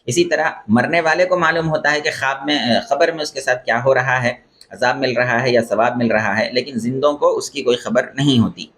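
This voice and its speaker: Male scholar, religious lecture, measured explaining voice, middle pitch, repeats key phrases. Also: steady tone, a bit bright. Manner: explains terms and corrects pronunciation. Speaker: Islamic scholar teaching beliefs.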